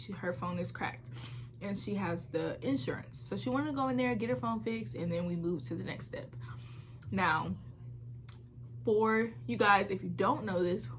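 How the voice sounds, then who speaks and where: At home indoors, a vlogger in her twenties talks casually to her phone camera in an ordinary middle pitch. She rambles with plenty of fillers and the occasional playful exclamation, and a little hiss or hum can be heard.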